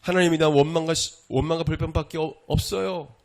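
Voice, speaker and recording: A male pastor preaching a sermon. He swings between loud exclamations and hushed asides and keeps asking his listeners rhetorical questions. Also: a little high, steady tone, fast. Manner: asks the congregation rhetorical questions.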